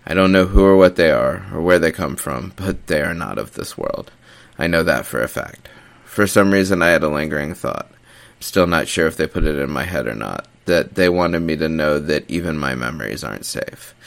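A man narrating a horror story in a measured, tense storytelling manner. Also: very deep voice, lively intonation, vocal fry.

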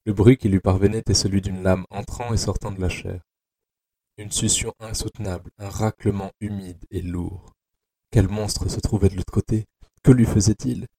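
A man narrating an audio adaptation of a dark novel in a slow, measured, tense way. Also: lowish voice, fairly even intonation, breathy edge.

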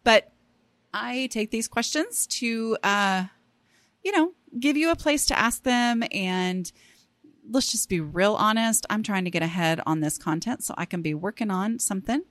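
A woman's voice: mid-range voice, expressive, a little slow, a bit bright, no room sound. Chatty woman podcaster. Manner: chatty, self-deprecating, rambling asides. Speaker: podcast host. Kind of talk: casual solo podcast.

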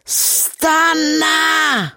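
Woman plays an old fairy-tale crone, high and syrupy, coaxing. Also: steady tone, sharp tone, no room sound, clean studio sound, soft background music.

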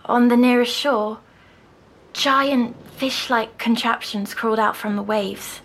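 A woman, softly recounting a dream as a patient in an audio drama. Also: on the high side, fairly even intonation, exaggerated voice, low-quality recording. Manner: soft, slow, dreamy recounting.

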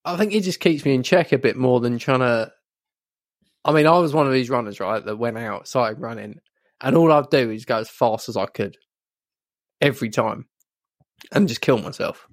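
A man's voice: medium pitch, normal speed, pauses often, no room sound, clean studio sound. Earnest man explaining running gear. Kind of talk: casual chat.

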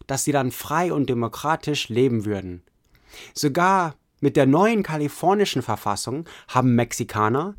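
Man, history narrator, second-person storytelling, earnest, a bit high. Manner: earnest storytelling, addresses listener as you.

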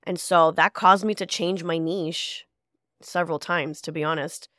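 A woman's voice: lowish voice, steady tone, a little slow, a bit bright, no room sound, clean studio sound. A woman with a stuffed-up, nasal voice from a cold, talking casually and chattily as she hosts a solo podcast. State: congested with a cold. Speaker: podcast host.

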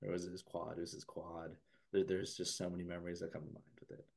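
A man with a very low voice talks basketball in a loose, halting way, full of restarts and fillers. His voice is going hoarse as he talks, though he keeps the easy tone of a casual podcast chat. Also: level tone, darkish tone. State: losing his voice. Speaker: podcast co-host. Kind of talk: casual sports talk.

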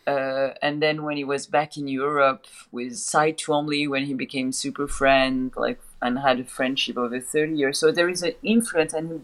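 Speaking from another city over a remote call, a French woman talks casually about her art advisory career and her life. Her very deep voice stays steady at a normal speed with few pauses, and while fluent, she often restarts her phrases.

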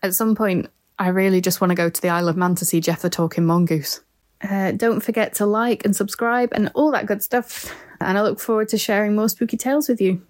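A woman's voice: medium pitch, fairly quick, a little mellow. Chatty woman with a Mancunian-Yorkshire twang. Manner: chatty and informal, with fillers. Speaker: podcast host. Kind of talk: casual podcast chat.

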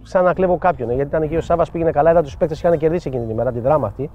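A man's voice: fairly high pitch, highs cut off, soft background music. Middle-aged man telling coaching stories. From Piraeus, Greece. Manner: animated anecdotes, acts out quoted dialogue. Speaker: football coach guest. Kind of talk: storytelling interview.

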